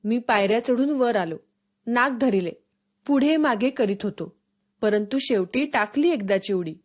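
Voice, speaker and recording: A woman narrating a storybook for schoolchildren in a steady, expressive read-aloud. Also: a little high, a little slow.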